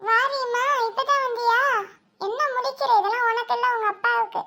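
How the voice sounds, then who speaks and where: A very high-voiced fussing cartoon mother. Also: fairly even intonation, a little fast, gravelly, heavily acted. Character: worried middle-aged mother, protective and doting. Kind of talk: cartoon voice acting. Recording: loud background music.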